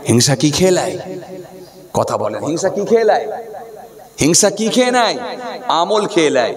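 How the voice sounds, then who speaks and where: A man delivers a waz sermon in a high, hoarse voice. He swings into chanted, rising bursts and keeps throwing questions at his listeners. A large crowd is clearly heard around him. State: hoarse, unwell. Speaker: Islamic preacher.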